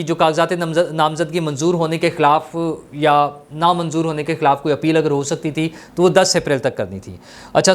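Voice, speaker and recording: Higher-voiced Pakistani male commentator. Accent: Pakistani Urdu. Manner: explanatory, steady talk with fillers. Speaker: political commentator and host. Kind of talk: solo political analysis.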